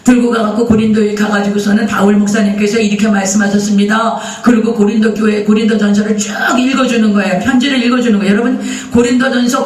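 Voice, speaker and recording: A man preaches in a high voice, telling the story with lively questions thrown to his congregation. He is recorded from a bit away from the mic. The sound rings around a large, echoey church sanctuary. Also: far from the mic. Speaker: pastor. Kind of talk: sermon.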